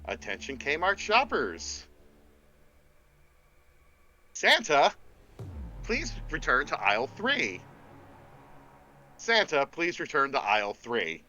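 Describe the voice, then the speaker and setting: A man playing a store announcer paging over a public address system in a slow, flat drawl. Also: medium pitch, highs cut off, pitched above the performer's own voice, heavily acted. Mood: announcing. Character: bland store PA announcer, adult.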